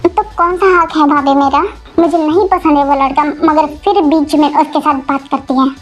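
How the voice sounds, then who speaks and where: A woman's voice: high voice, fairly even intonation, normal speed, muffled recording, faint music behind, close to an everyday voice. A woman voicing a jealous, short-tempered young boyfriend who scolds and sulks, in a voiced fan-fiction audio story. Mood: sulky. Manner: sulky, scolding.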